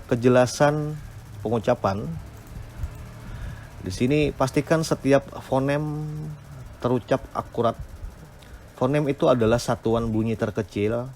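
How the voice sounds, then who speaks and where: A man's voice: on the low side, darkish tone, a little hiss or hum. A man giving an academic lecture on speaking technique, explaining step by step with frequent hesitant "eh" fillers.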